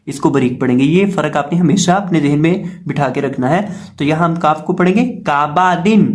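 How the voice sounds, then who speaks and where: A patient male teacher drills Quran letter sounds syllable by syllable. His voice sits high for a man. He repeats each sound carefully, like a slow classroom lesson. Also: darkish tone.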